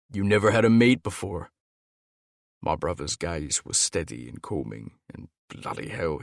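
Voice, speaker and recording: A man narrating a fantasy audiobook in steady, first-person storytelling style. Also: very deep voice, vocal fry, no room sound, studio quality. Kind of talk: scripted narration.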